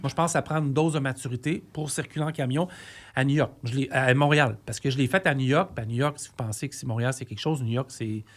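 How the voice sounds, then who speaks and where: A man's voice: mid-range voice, fairly even intonation, fast talker. A man in his forties with a Québécois accent, a trucker co-hosting a podcast, talking earnestly and rambling through restarts in casual discussion. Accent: Québécois French. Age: 40s.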